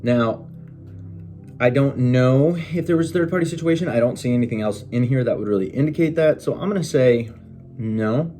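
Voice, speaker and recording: This tarot reader's voice is warm and medium-pitched, at a moderate pace. Reading cards casually from a bedroom desk with TV music in the background, he rambles chattily to viewers, mutters to himself, and curses in frustration when the cards don't go his way.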